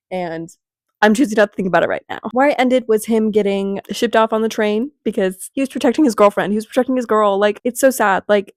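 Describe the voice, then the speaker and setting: At home with a bookshelf behind her, a young woman who vlogs about books gives a fast, bubbly, rambling recap, her voice congested from a cold. Her pitch is medium and her tone darkish. The sound is clean studio quality with no echo.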